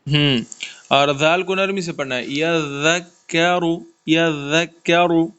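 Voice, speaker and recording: A man's voice: a little high, a bit bright, clear, resonant tone, highs cut off. A man teaching Quran recitation in an online class, patiently correcting pronunciation step by step. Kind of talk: online tajweed lesson. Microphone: video call.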